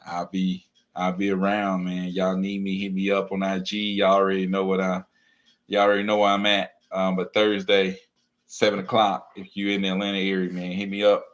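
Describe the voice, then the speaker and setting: A man's voice: sits low, monotone, normal speed. A man talking casually and earnestly to camera, encouraging viewers and filling his speech with "man" and "you know what I'm saying". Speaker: teacher and real estate wholesaler vlogger. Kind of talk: casual motivational talk to camera.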